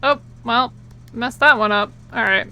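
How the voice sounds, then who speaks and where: Cute, bubbly, high-voiced woman streamer. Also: a little slow, bright, forceful tone, poor audio. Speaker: video game live streamer. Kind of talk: casual livestream gameplay commentary.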